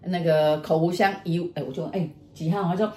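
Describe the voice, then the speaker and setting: A woman's voice: lowish voice, brisk. Middle-aged woman, casual storyteller, acts out the voices, echoey room. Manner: animated, acts out quoted voices, laughs often. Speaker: storyteller host. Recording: echoey room with faint noise.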